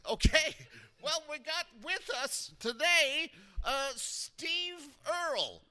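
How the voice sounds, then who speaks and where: A man in improvised comedy playing a cheerful, scheming small-town mayor with folksy, halting announcer patter. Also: very high voice, bright, forceful tone, full character voice. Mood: breezy announcing.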